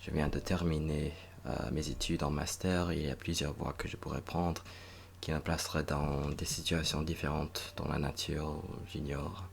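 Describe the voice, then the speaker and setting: A young man from northern Virginia, a native English speaker, talking slowly and hesitantly in a reflective monologue, with many pauses and restarts. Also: extremely low pitch, steady tone, vocal fry, a little hiss or hum. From United States (northern Virginia). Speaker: recent master's graduate vlogger.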